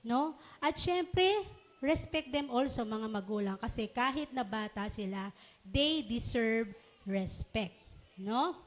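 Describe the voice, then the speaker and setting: A woman's voice: on the high side, lively intonation, slow. A woman teaching a congregation of children and parents in a sermon, coaxing them along with questions and frequent check-ins. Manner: acts out parents and children in short voices. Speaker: church teacher.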